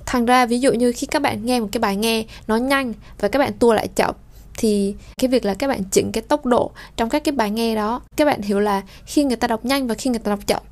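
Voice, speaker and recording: A woman from Vietnam gives a pronunciation lesson, talking through each point in an explanatory way. Her voice sits a little high. She reads the example sentences slowly and clearly. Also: a little mellow. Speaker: French pronunciation teacher.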